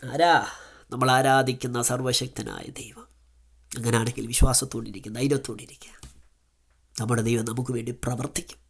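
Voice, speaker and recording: A man with a Malayali accent preaching a devotional sermon, rising to loud pleas and dropping to soft prayer. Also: mid-range voice, level tone, brisk, creaky, slightly rough.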